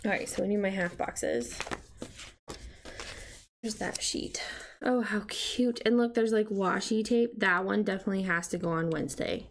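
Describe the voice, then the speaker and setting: A woman's voice: medium pitch, moderate pace, creaky, slight background noise. A young adult woman chatting casually and rambling with many fillers while she decorates her planner. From United States. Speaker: planner vlogger. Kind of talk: casual plan-with-me chat.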